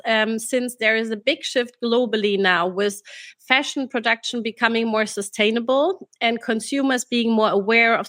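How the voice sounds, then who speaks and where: A woman hosting an interview podcast, reading out prepared questions in a measured way. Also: fairly high pitch, a bit bright, no room sound. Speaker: podcast host.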